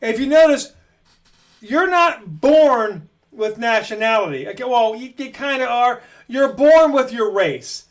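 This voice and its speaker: A man's voice: very high-pitched, animated, a little slow. A man from Maryland delivering a blunt, profane political rant to camera as a vlogger. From Maryland, USA.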